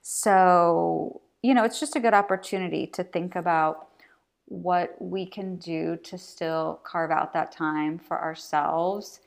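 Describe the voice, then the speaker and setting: A middle-aged woman hosts a casual podcast on her own, recorded in a bathroom. Her voice sits a little low and she takes her time, speaking very slowly. She comes across as reassuring and encouraging. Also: creaky. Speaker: podcast host. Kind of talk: casual solo podcast monologue.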